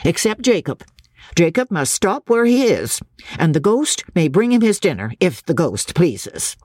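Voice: medium pitch, very animated, unhurried, darkish tone, no echo, clean studio sound, pitched above the performer's own voice. A reader voicing a stern male village schoolmaster in a storybook, with a harsh, lecturing, threatening manner. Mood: curt scornful. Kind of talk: audiobook character voice.

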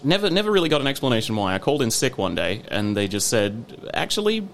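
A man's voice: fairly low pitch, sing-song, quick pace, a little hiss or hum. A man co-hosting a podcast, telling work stories in a dry, wry way. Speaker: podcast co-host. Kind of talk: casual chat.

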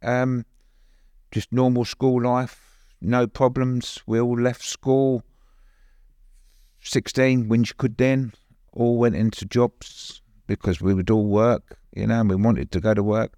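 A man's voice: mid-range voice, little pitch movement, takes it slowly, mellow, no room sound, studio quality. An older man with an East London accent, recollecting plainly as an interview guest, often adding "you know". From East End of London, later Suffolk. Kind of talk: conversational personal recollection.

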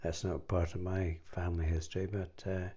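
An older Scottish man reminiscing about his youth, speaking haltingly with many fillers and restarts. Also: low-pitched, flat delivery, dark tone, husky, muffled recording. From Scotland. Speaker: interviewee. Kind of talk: reminiscing conversation.

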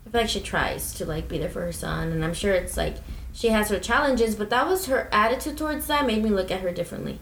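A woman's voice: medium pitch, fast, gravelly, echoey room, slight background noise, poor audio. A woman in her twenties, co-hosting a casual podcast from home, chatty and opinionated with lots of "like" fillers. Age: 20s. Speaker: podcast co-host.

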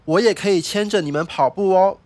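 A woman's voice: a little high, slow, big-room sound, very noisy. A woman playing an eager little boy train engine. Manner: excitable, boastful, childlike. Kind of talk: storybook reading.

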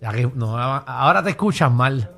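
Fast-talking Puerto Rican radio man. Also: mid-range voice, animated, gravelly, a bit bright, soft background music. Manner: teasing, laughs often. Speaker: radio show co-host. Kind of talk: casual radio banter. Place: radio studio.

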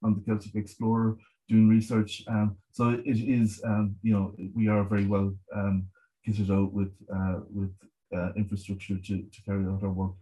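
Mellow, even-toned west of Ireland man. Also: on the low side, poor audio. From Galway, west of Ireland. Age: middle-aged. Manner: measured, hesitant repetition of words, frequent 'you know'. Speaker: marine scientist guest. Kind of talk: conversational interview explanation.

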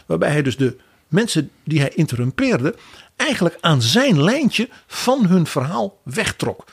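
Gravelly, raspy man. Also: fairly high pitch, unhurried, dry recording. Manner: animated, wry commentary with quoted asides. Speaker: podcast co-host. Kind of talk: political analysis chat.

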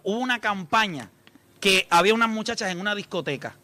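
A Puerto Rican man with a high voice and a bright, forceful tone. He co-hosts a talk show with blunt, emphatic storytelling. The sound is dry and close. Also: animated, fast, dry recording. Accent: Puerto Rican Spanish. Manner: emphatic, blunt storyteller who swears and addresses listeners. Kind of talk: casual chat.

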